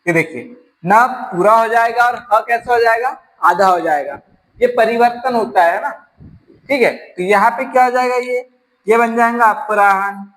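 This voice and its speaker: A man's voice: very high voice, lively intonation, normal speed, a bit bright, rough recording. A man with a Rajasthani accent teaching an exam-prep grammar lesson, explaining step by step and asking and answering his own questions.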